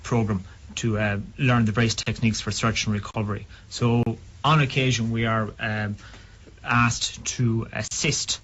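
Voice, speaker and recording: A man's voice: lowish voice, fairly even intonation, unhurried, a bit bright. West of Ireland man in a muffled, noisy recording. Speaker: sub aqua club member being interviewed. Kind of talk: informal radio interview. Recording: dull, noisy radio interview recording.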